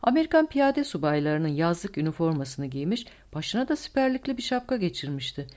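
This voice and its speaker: A woman narrating an audiobook in a steady storytelling voice. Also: lowish voice, brisk.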